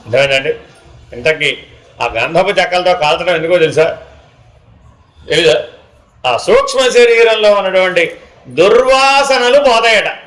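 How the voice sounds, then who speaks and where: A man's voice: high voice, expressive, a little slow, pauses often, fairly bright tone, rough recording. A man giving a spiritual discourse, often asking his listeners questions and acting out small dialogues. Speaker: spiritual teacher.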